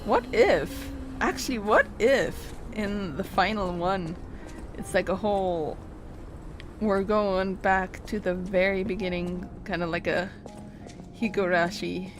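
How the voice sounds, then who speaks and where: A woman's voice: on the low side, fairly even intonation, slow, music in the background. A woman streaming a video game with casual, chatty commentary, swearing and laughing as she talks.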